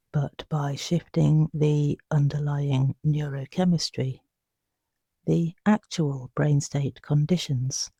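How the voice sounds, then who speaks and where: Narrating a sleep meditation, a guide speaks in a soft, breathy, mid-range voice. The delivery is hushed, soothing and unhurried, with long pauses, and there is no echo.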